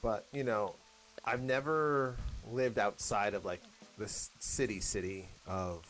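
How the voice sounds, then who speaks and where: A man's voice: lowish voice, fairly even intonation, a little slow, fairly bright tone, soft background music. A young American man chatting casually and rambling while he plays a game, laughing now and then. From United States. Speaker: gaming vlogger.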